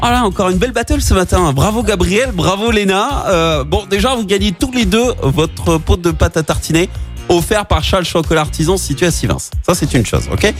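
A man hosting a cheerful morning radio show, his voice pitched fairly high and swinging up and down all the time. He jokes and restarts his sentences playfully at a studio microphone. Soft music plays underneath. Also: lively intonation, a little fast. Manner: playful, joking, some hesitant restarts. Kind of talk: lively morning radio chat.

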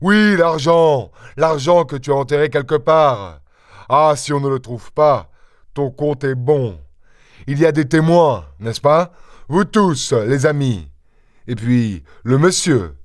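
A man voicing a brutish, angry peasant farmer in an audiobook, gruff and bullying. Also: fairly high pitch, animated, takes it slowly, no room sound, studio quality. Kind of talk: audiobook character voice.

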